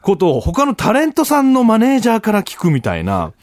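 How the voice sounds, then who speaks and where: A man hosting a show as a comedian, telling stories in a loud, animated way in a casual monologue. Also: high voice, fairly quick, no echo, studio quality. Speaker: comedian host. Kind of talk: casual radio-style monologue.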